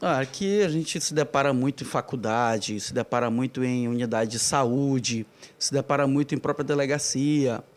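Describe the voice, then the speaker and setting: A man's voice: mid-range voice, moderate pace, few pauses. A man with an Amazonas Brazilian accent, an activist leader, giving an earnest and indignant statement in a news interview. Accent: Amazonas Brazilian Portuguese.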